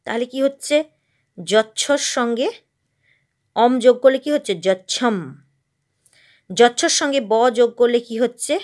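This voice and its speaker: A woman from West Bengal teaching a Sanskrit grammar lesson, asking her own questions and drilling verb forms. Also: on the high side.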